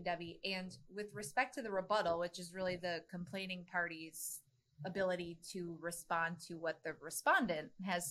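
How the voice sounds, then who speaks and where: A woman's voice: fairly low pitch, a bit bright. A woman hosting a legal podcast, asking questions in a friendly way and laughing lightly. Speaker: podcast host, employment lawyer. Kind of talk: interview hosting.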